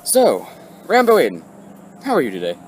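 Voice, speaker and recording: A man plays an amateur spoof news anchor with lively, swinging pitch. He presents and questions haltingly, pausing mid-sentence. The recording is clearly noisy. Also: reverberant. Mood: inquisitive. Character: laid-back male anchor of a spoof amateur newscast. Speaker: host and interviewer. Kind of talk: mock news presenting and interviewing.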